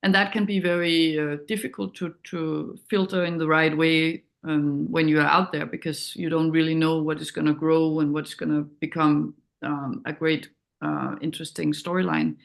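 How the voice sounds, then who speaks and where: Speaking low and gravelly with little movement in pitch, this Danish-accented woman from Denmark talks at a normal speed. She is a documentary director giving an interview, pausing to find her words in a hesitant, reflective way.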